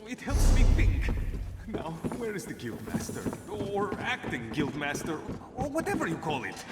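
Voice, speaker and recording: An actor playing an anxious, excitable male lizard-folk ally in a game cutscene, with formal, fussy speech. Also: on the high side, moderate pace, very noisy. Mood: fretful.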